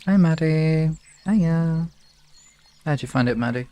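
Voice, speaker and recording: Hosting relaxation sessions as a hypnosis ASMR streamer, a man chats on a live stream in a casual, hesitant way, rambling and questioning himself. His voice is a little high, slow, mellow and smooth.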